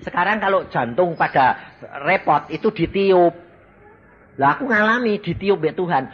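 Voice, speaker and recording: A man preaching a testimony sermon, telling his story dramatically with sudden loud exclamations. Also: high-pitched, animated, moderate pace, slightly rough. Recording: slightly dull recording with faint ambience.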